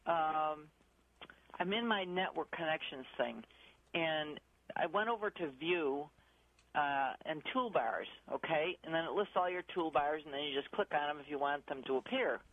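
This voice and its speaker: A woman's voice: low voice, animated, moderate pace, dry recording. A woman calling in to a radio show over the phone, hesitant and rambling as she searches for the right words. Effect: voice heard over a phone line into a radio show. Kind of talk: casual call-in question. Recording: tinny phone line.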